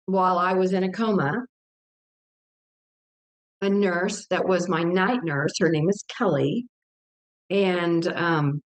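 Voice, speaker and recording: Older woman telling an earnest testimony. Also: fairly low pitch. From Texas. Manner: earnest, emotional storytelling with vivid quoted dialogue. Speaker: guest author. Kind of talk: personal testimony in an interview.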